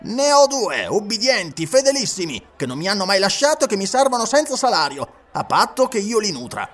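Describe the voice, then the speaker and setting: A burly middle-aged circus director, brusque and teasing, as a man reading a storybook voices him. His lines bounce with a lively lilt. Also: high-pitched, brisk, voice pushed up. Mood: boastful. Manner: brusque, bantering.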